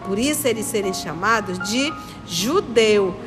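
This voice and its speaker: Her voice is medium in pitch with lively intonation and a measured pace as she, a children's religious study teacher from Manaus, Amazonas, Brazil, leads a lesson in her northern Brazilian accent. Didactic and repetitive, she walks through each step and puts questions to the listeners. Music sounds clearly behind her amid a long reverberant echo.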